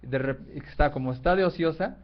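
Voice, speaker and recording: A man's voice: a little high, a little fast, lo-fi sound. Conversational male workshop teacher. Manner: conversational, with restarts and frequent tag questions. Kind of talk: storytelling lecture.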